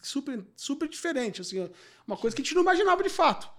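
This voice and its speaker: Man in his forties, gravelly, reflective, podcast guest, from Brazil. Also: very high voice, big pitch swings, racing, a bit bright. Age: 40s. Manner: reflective, repeats filler words. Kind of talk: casual interview chat.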